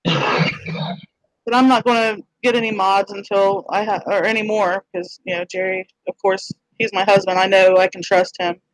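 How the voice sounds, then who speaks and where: A woman's voice: mid-range voice, fairly even intonation, moderate pace, no echo, rough recording. Woman, livestream co-host, rambling, hesitant restarts, dry close sound. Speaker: channel owner and co-host. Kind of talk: casual livestream chat.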